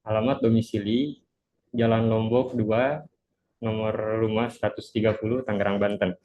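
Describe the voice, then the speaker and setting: A man's voice: lowish voice, little pitch movement, normal speed, dark tone. A man of twenty presents an introductory online lesson through a face mask, politely and hesitantly, sounding a little unwell. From Cianjur, West Java, Indonesia. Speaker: webinar presenter. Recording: dull, muffled lo-fi webinar audio.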